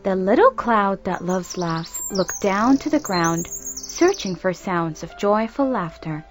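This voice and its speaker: A woman narrating a children's story in an expressive, animated storytelling manner. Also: mid-range voice, slow pace. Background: background music.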